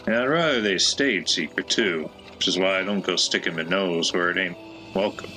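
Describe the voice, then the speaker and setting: A man's voice: low-pitched, moderate pace, bright, forceful tone, soft background music, low-quality recording. A man voicing a chatty, folksy old male peddler with a put-on American Southwestern drawl, reading game dialogue in character.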